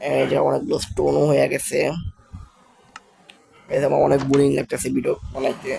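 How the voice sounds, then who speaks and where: Gravelly, flat-voiced stammering young gamer. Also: male voice, medium pitch. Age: school student. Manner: halting, stammering, speaking slowly on purpose. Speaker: gaming channel host. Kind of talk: casual Minecraft gameplay commentary.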